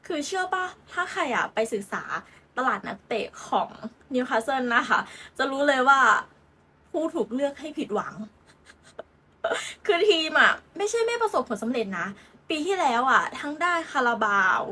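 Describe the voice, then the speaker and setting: A young woman with a bright, high voice talks through football transfer news in a loose, chatty way. She giggles often and fills her talk with fillers and playful asides, like a host gossiping with her viewers. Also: very animated, normal speed. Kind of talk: casual football transfer chat.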